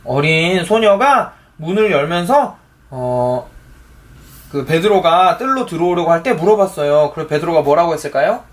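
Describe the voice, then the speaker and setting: A man's voice: fairly high pitch, animated, moderate pace. A father reading a picture book aloud to his young child, patiently asking her questions as he reads.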